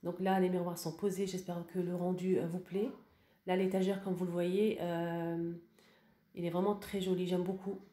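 A woman's voice: fairly low pitch, flat delivery, moderate pace, warm tone, echoey room. Hesitant woman giving a home tour. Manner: hesitant, many fillers and restarts. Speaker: home decor vlogger. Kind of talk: casual voice-over room tour.

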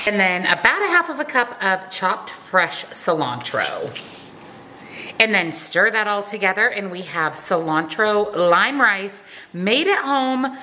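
Bright-voiced woman in her home kitchen. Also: mid-range voice, a little hiss or hum. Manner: upbeat, chatty. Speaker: food vlogger. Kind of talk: cooking walkthrough.

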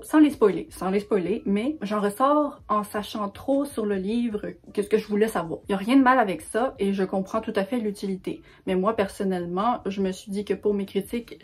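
A young woman with a Québécois French accent talks to her audience in a chatty, upbeat vlog about books. Her voice is a little husky and breathy, sitting at an ordinary middle pitch. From Quebec. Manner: chatty and enthusiastic. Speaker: book vlogger. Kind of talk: casual vlog talk to camera.

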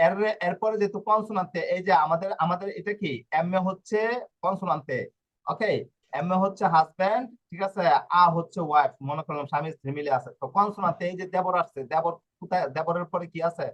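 A man's voice: sits high, fairly even intonation, fast. A man teaching an Italian spelling lesson, patiently explaining and checking in with his students again and again. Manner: patient, repeats points and checks in with "okay?". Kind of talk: live online class in Bengali. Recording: dull lo-fi audio.

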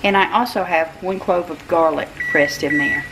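An older woman with a gentle drawl talks her viewers through a home recipe, easygoing and full of little fillers. Her voice sits on the low side, picked up by a camera mic some way across the kitchen with a clear layer of background noise. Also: normal speed, far from the mic. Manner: homey, chatty, with soft laughs and fillers. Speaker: home cooking channel host. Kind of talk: casual cooking demonstration.

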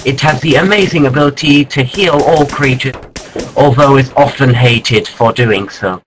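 A man narrating a mock nature documentary in a mock-serious, deadpan way, breaking into startled exclamations. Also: mid-range voice, moderate pace, noisy background.

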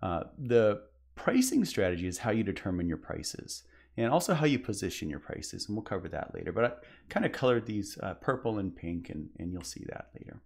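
A man with a fairly low, gravelly voice presents a conference business session at a fairly quick, sing-song pace. His explanation is casual, full of fillers and restarts.

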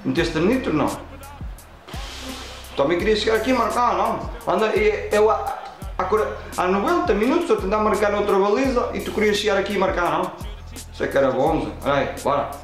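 Brief: excitable Portuguese gamer guy, lively rising pitch, echoey room with faint music behind. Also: a little fast. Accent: European Portuguese. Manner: excitable, talks at the game and the referee, frequent exclamations. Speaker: gaming channel host. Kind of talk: playing a football video game and commentating.

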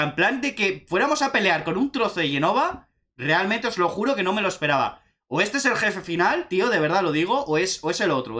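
A young man with a Spanish accent from Spain, chatting excitedly as he reacts to a video game trailer. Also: a little high. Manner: excitable, chatty, says "tío" often. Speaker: gaming youtuber reacting to a trailer.

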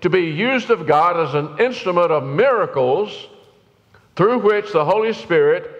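A man's voice: sits high, fairly bright tone. An older man preaching a sermon from a church pulpit, earnest and rising to urgent exhortation. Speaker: pastor. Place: church sanctuary, indoors, at the pulpit. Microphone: pulpit mic from a far camera. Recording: roomy hall reverb, dull lo-fi sound.

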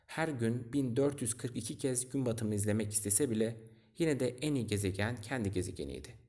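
Man, audiobook narrator, calm steady storybook reading, medium pitch.

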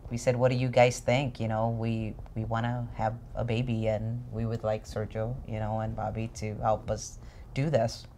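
A woman in her forties from Chicago, speaking casually in an interview, telling her family's story frankly with many pauses and fillers. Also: very deep voice, little pitch movement, mellow, slight background noise. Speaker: interviewee, co-parent. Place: living room, sitting on a sofa.

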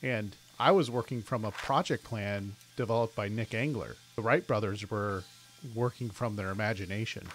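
A man hosting a woodworking vlog, narrating in a thoughtful, even-paced casual voice-over. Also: lowish voice, normal speed, slight background noise. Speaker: woodworking channel host. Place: outdoors in an open park.

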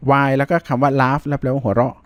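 A man teaching English grammar in a recorded lesson, thinking aloud with many fillers and spelling out words slowly. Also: medium pitch, flat delivery, clean tone, no echo.

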